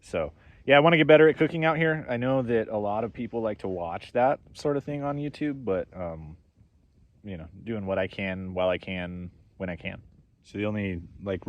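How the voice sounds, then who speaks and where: A young man casually narrating a camping vlog outdoors, rambling and relaxed as he eats. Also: on the low side. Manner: relaxed, rambling, talks while eating. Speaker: camping vlogger. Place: outdoors at a mountain campsite.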